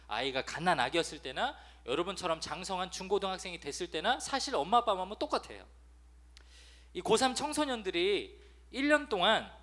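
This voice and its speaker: A man in his thirties preaching to teenagers in a lively sermon, acting out nagging parents with sudden loud outbursts. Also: sits high. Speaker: preacher to a youth congregation. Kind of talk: lively sermon with acted-out quotes.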